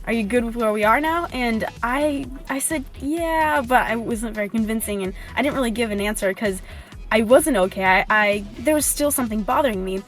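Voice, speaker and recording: Young female vlogger, higher voice, chatty and confiding, close car-mounted camera, faint music bed. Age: young adult. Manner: chatty and confiding, drops to a whisper when nervous. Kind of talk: casual storytime vlog. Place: parked car.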